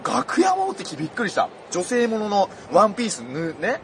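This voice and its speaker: A male comedian co-hosting a casual radio chat, telling stories rowdily with coarse slang and loud outbursts. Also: high voice, wildly swooping pitch, brisk, slight background noise. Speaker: comedian co-host.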